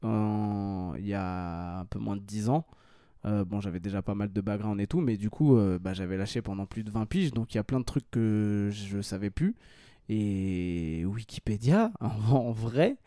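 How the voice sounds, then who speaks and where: Chill french guy rambling on a podcast, low mellow voice, dry close sound. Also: moderate pace, no echo. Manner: relaxed, rambling, many fillers and restarts. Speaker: podcast co-host. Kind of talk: casual chat.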